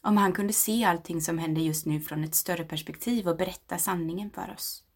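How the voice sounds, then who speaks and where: A woman in her thirties reading a personal meditation aloud, slow and intimate, often sinking toward a whisper. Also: lowish voice, husky. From Sweden. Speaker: narrator.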